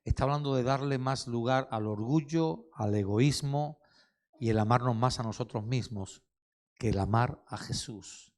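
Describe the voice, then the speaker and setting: A man's voice: medium pitch, unhurried. A male pastor, preaching a sermon, asking the congregation questions and repeating key phrases for emphasis.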